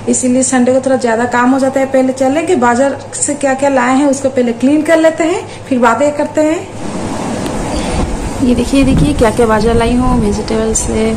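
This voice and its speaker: A woman's voice: sits high, noisy background. A woman in her thirties chatting cheerfully to viewers in a casual home vlog, filmed on a handheld phone. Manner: chatty, cheerful, talks to viewers while cooking. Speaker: vlogger. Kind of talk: casual Hindi vlog narration. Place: outdoors on a roadside, then a home kitchen. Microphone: phone held at arm's length.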